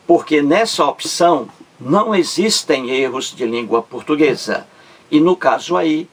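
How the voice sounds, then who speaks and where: Male teacher, husky voice, slow and deliberate, repeats words for emphasis. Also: mid-range voice, fairly bright tone. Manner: slow, drawn-out syllables, repeats words to stress them. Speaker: Portuguese language teacher. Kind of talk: video grammar lesson.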